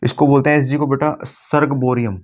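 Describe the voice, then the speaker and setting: A man teaching chemistry at a board, often slowing down to repeat key words and calling his students "beta". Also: mid-range voice, flat delivery, a little mellow. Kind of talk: classroom lecture at a board.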